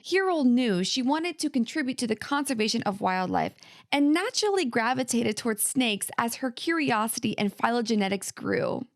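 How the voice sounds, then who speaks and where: A woman's voice: fairly high pitch, lively intonation, normal speed. Upbeat woman hosting a podcast. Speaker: podcast host. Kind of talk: scripted intro then interview.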